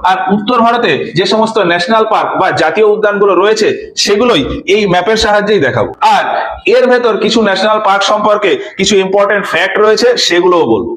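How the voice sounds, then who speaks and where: Man, teacher, high voice, echoey room, repeats names as drills. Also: animated, quick pace, a bit bright, slight background noise. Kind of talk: exam-prep lecture over a map.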